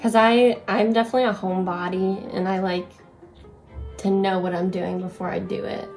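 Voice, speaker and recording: Flat-voiced young woman asking questions. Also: mid-range voice, normal speed, faint music behind. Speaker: co-host. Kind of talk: casual chat.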